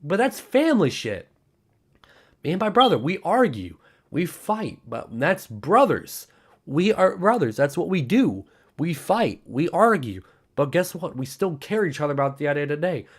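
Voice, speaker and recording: Earnest young man, lively pitch. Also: moderate pace, breathy edge. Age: 20s. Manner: earnest, repetitive, emphatic, with swearing. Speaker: streamer. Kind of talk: candid personal monologue.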